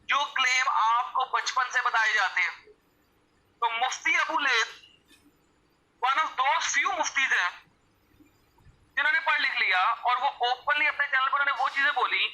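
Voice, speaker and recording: A man's voice: very high voice, pushed and bright, low-quality recording. A man arguing in a heated debate, insistent and scornful. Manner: argumentative, scornful.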